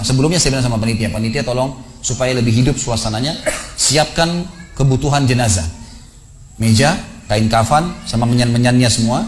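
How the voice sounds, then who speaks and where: A male preacher telling a story in a sermon, swinging from hushed tones to loud pleading. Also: mid-range voice. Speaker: Islamic preacher.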